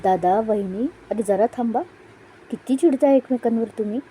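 A cheeky young man needles his elder brother with jokes, as a woman storyteller reads him. The voice stays dark and mellow, with faint hiss behind. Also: fairly high pitch, moderate pace, natural voice, rough recording. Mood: teasing. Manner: teasing, playful.

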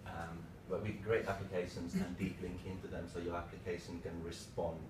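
Low-voiced man presenting, distant and echoey. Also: level tone, fairly quick. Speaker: tech presenter, developer. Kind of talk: informal slide presentation, lightning talk. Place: small meeting room, indoors. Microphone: far camera microphone. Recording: roomy, distant mic with clear background noise.

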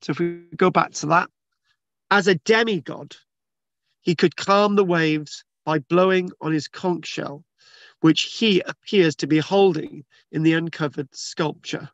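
A man's voice: on the high side, steady tone, a little slow, fairly bright tone, no room sound, highs cut off. A man reading news articles aloud and commenting in a rambling, casual way, with many restarts and fillers. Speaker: channel host reading and discussing archaeology news. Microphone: video call screen share.

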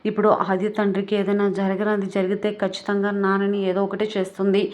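A woman's voice: mid-range voice, monotone, fast talker, darkish tone, natural voice. A woman voicing a scheming young woman who is frightened and accuses her rival. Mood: accusing. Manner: accusing, anxious.

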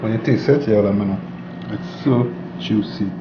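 A man cooking in a home kitchen, talking in a relaxed, easygoing way. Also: lowish voice, normal speed, highs cut off, noisy background. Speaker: home cook. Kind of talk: casual kitchen chat.

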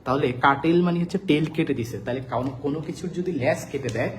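A man's voice: fairly high pitch, brisk, a little hiss or hum. A man teaching vocabulary in a live online lesson, repeating words and their meanings over and over and asking his students check questions. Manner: repetitive drilling of words and meanings.

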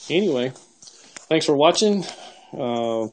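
Pitched on the high side and animated, this man takes his time as he narrates a home kitchen demo for his channel. He explains each step casually and laughs a little now and then, recorded through a handheld camera mic.

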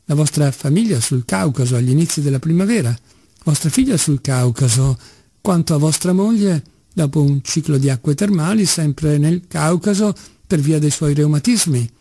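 A man's voice: on the high side, animated, normal speed, dark tone, husky, dry recording, studio quality. A man voicing a pompous, irritable doctor. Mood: haughty. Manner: haughty, snappish. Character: pompous irritable male doctor, middle-aged.

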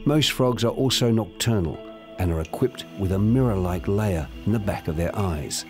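Low male voice, nature documentary narrator, measured explanatory storytelling, prominent music behind.

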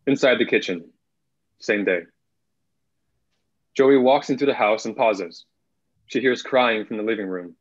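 Over a video call from a room indoors, a young adult man narrates screenplay stage directions at a measured pace, leaving long pauses. His voice is on the low side, picked up by a computer mic that makes the call audio muffled.

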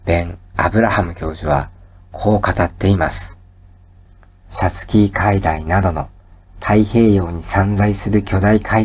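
A man giving soft, breathy pillow-talk narration of a scripted lecture, calm and soothing, as if lulling someone to sleep. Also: low voice. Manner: calm, soothing, measured bedtime delivery.

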